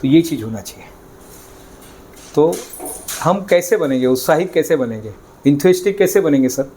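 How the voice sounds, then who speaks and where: A man's voice: fairly high pitch, animated, moderate pace, mellow. A man leading a live sales training session, coaxing the audience with energy and getting them to chant lines.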